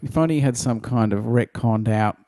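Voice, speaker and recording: A man's voice: mid-range voice, brisk, dark tone, dry recording, clean studio sound. A man co-hosting a casual podcast, joking and swearing freely. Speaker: podcast co-host. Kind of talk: casual chat.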